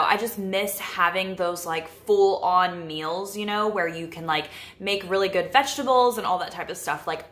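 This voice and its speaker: A vlogger in her twenties chats casually in her home kitchen to a camera positioned close in front of her, filling her talk with "like" and "you know." She speaks with a fairly low pitch in a pushed, bright voice.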